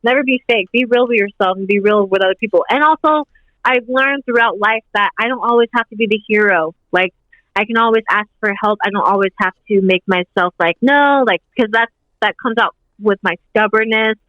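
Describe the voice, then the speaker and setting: Bright, upbeat young woman, lo-fi sound. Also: medium pitch, brisk, no room sound. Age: 20s. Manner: rambling, upbeat, heavy use of "like". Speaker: podcast guest. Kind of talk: casual interview chat.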